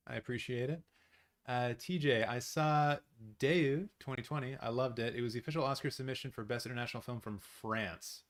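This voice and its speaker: Man, from canada, live-stream host, excitable, rambling casual chat, mid pitch. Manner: chatty, excitable, rambling with fillers and restarts. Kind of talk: casual live watch-along chat, reading viewer comments. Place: his apartment in daylight.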